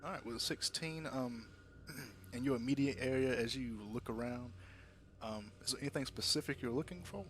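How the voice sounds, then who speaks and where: A man from the United States narrating a tabletop game as game master, slow and halting with frequent fillers. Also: medium pitch, background noise.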